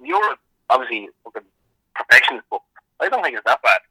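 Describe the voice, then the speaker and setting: An Irish man co-hosting a podcast in casual chat, heard over the phone, animated and swearing freely. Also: mid-range voice, quick pace, breathy edge, no echo, low-quality recording. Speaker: podcast co-host.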